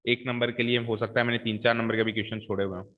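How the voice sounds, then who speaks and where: A man's voice: medium pitch, level tone, racing. A middle-aged man teaching a maths lesson, talking students through each step and checking in with them often. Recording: tinny phone-like sound.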